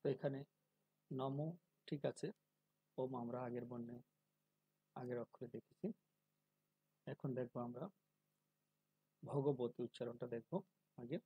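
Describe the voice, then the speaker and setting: A man giving a calm spoken lesson on pronunciation, slowly and deliberately drawing out syllables to demonstrate them. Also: medium pitch, slightly rough, no room sound, muffled recording. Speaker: teacher of Sanskrit pronunciation.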